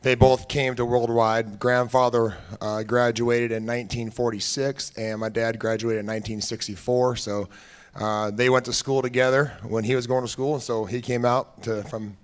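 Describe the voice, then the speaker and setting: Smooth-voiced young male auctioneer. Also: mid-range voice, little pitch movement. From Washington State, US. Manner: rapid rhythmic chant while calling bids. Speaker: auctioneer student. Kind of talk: auction bid calling.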